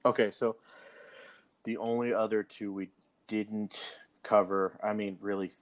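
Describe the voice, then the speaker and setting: A man's voice: lowish voice, flat delivery, measured pace, slight background noise. A man in his thirties, co-hosting a casual podcast chat, rambling and restarting his sentences as he leads the talk. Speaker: podcast co-host.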